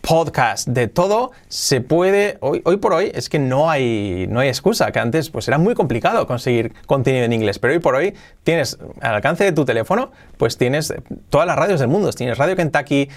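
A man from giving an energetic online lesson as an English teacher, punching out each numbered tip. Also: medium pitch, normal speed.

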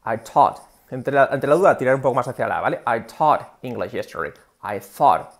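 A man's voice: mid-range voice, expressive, a little fast, vocal fry. A man giving a casual video lesson on English pronunciation, explaining with many fillers and modelling English words. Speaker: English teacher.

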